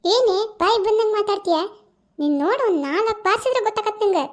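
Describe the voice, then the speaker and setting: A woman's voice: very high voice, animated, quick pace, pitched above the performer's own voice. Woman doing a bossy cartoon mother-in-law. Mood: scolding. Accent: North Karnataka Kannada. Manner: bossy, threatening. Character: domineering scolding mother-in-law. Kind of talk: cartoon voice acting.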